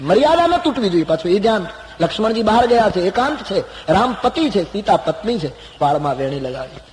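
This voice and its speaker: Man giving a devotional discourse, high-voiced. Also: long reverb tail, a little hiss or hum, low-quality recording. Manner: swings from soft murmured asides to loud high exclamations; slowly sings scripture verses. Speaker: spiritual storyteller. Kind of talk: devotional discourse with chanted verses.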